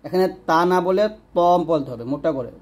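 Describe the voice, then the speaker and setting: A man teaches Quran recitation, his voice sitting a little high for a man. He explains each sound patiently and stretches the recited words out slowly so every letter can be heard. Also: lively intonation, a little mellow. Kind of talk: instructional lesson with recitation.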